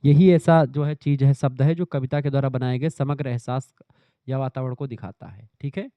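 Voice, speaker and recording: A man's voice: medium pitch, steady tone, clear, resonant tone, dry recording. Male teacher, dry lo-fi sound. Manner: reads questions slowly, then explains in quick Hindi; repetitive, addresses students directly. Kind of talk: exam-prep lecture.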